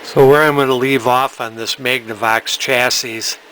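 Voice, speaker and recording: An electronics repair technician and video host gives casual, hands-on commentary while fixing something, plain-spoken and technical, thinking aloud as he works. His mid-range voice is smooth and fairly bright, with fairly even intonation at normal speed, though the recording is rough.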